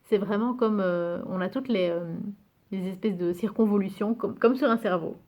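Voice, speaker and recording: Woman host of a casual show-and-tell video: amused, musing aloud, halting over names, mid pitch. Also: a little mellow. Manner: hesitant, many fillers, muses aloud over names; reads English card titles slowly and carefully. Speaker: YouTuber presenting a card game.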